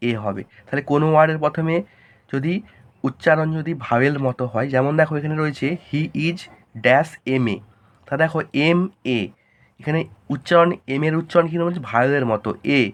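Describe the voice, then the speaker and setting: A man teaching a grammar lesson, asking questions and answering them himself in a lower voice. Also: fairly quick.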